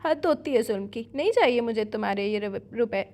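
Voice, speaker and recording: A woman's voice: fairly high pitch, animated, darkish tone. A woman voicing a headstrong young wife, a student who answers back in petulant, indignant lines. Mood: furious.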